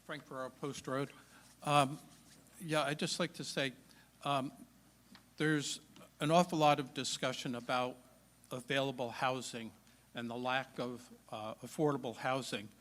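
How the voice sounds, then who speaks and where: A man with an average-pitched voice speaks up at a town meeting. He is deliberate, pausing between phrases while he makes his point. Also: steady tone, a bit bright. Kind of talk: public comment.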